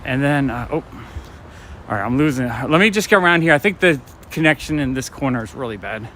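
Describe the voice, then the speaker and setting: A man's voice: medium pitch, expressive, brisk, pushed and bright. A man casually chatting and telling stories while walking outdoors at night, talking to viewers from a phone he holds. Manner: chatty, storytelling, talking to live chat. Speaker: vlogger and comic shop owner. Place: city streets at night, outdoors. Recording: light street noise, traffic.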